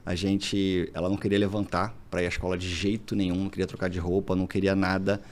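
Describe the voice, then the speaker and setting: A man's voice: deep voice, fast. A man with a Brazilian Portuguese accent, a single father chatting as a podcast guest and acting out bits of dialogue as he tells stories. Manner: animated storyteller, acts out dialogue. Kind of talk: casual interview chat.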